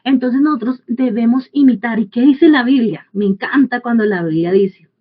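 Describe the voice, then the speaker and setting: A woman's voice: a little high, normal speed, husky. A woman preaching a sermon in an earnest teaching manner, often restarting sentences and asking rhetorical questions. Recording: tinny phone-like sound.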